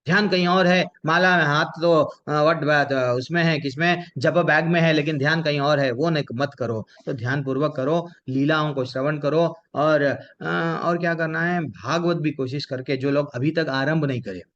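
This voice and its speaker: A man's voice: fairly high pitch, normal speed, hardly any pauses, fairly bright tone, dull audio. A man leading an online devotional class. He keeps asking rhetorical questions and answers them himself, and he addresses his listeners with devotional honorifics.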